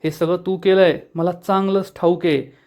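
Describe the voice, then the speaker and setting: A man's voice: high-pitched, steady tone, normal speed, darkish tone. A man reading the lines of a stern, angry young man who scolds.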